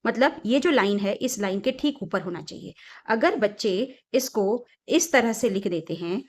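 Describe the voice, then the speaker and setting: A woman's voice: mid-range voice, lively intonation, normal speed. A young woman teaching small children, sing-song and emphatic, asking questions and answering them herself. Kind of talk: children's lesson.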